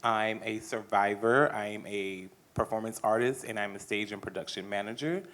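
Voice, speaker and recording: A man introducing himself on a conference panel in a measured, descriptive way. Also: on the low side, steady tone, a bit bright. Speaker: panelist, performance artist.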